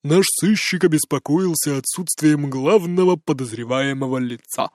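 A man voicing a drunk, bitter middle-aged man who drawls, jeers and shouts. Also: on the high side, moderate pace, no room sound, clean studio sound, natural voice. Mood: drunkenly mocking. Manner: slurred drawling, jeering and shouting.

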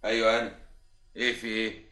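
An actor playing a sly, frightened Egyptian swindler who pleads nervously in hushed tones, in an Egyptian accent, radio drama. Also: male voice, lowish voice, flat delivery, a little fast. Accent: Egyptian Arabic.

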